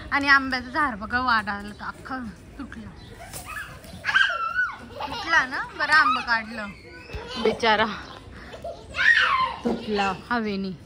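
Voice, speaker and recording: A woman's voice: fairly high pitch, takes it slowly, pauses often, heavy background noise. A woman, chatting casually to her viewers in a family vlog, pointing things out as she goes outdoors. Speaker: vlogger. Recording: loud music and crowd behind.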